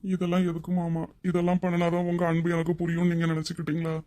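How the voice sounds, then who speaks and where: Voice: mid-range voice, monotone, fast, mellow, a little hiss or hum, close to an everyday voice. A voice actor playing a grateful young policeman and devoted younger brother in a cartoon drama, speaking in an earnest, emotional way. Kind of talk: Tamil cartoon drama voice acting.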